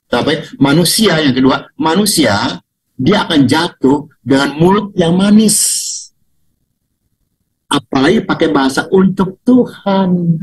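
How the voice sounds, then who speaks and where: An older man preaches over a video call in a fairly high voice. He is animated, jumping up into loud, mocking highs and dropping into low, quiet asides. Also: a little slow, low-quality recording. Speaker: pastor.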